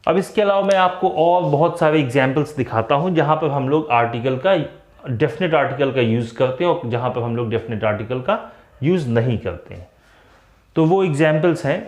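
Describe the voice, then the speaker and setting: A man with a Hindi accent teaching English grammar in a classroom-style lecture, mixing Hindi and English and slowing down to spell out the English example phrases. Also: fairly high pitch. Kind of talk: classroom lecture for exam students. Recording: echoey room.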